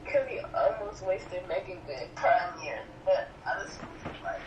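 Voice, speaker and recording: A hoarse young woman of about nineteen chatting casually off camera, blunt and animated. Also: fairly low pitch, a little slow. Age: late teens. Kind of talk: casual chat. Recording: distant, dull and echoey, with room noise and TV.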